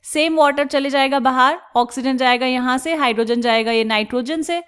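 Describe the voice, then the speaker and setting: A woman teaching chemistry step by step, asking questions and answering them herself, and drawing out technical terms slowly. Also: high voice, a bit bright, smooth. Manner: asks the class questions and answers them herself, calls students "beta"; slows down and stretches out technical terms. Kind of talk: explaining step by step on a board.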